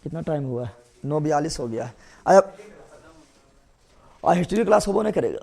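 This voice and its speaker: The high-pitched young man teaching this biology lesson sounds expressive and darkish, with some vocal fry. Speaking as a classroom lecturer, he fires off quick questions and drills key terms through repetition.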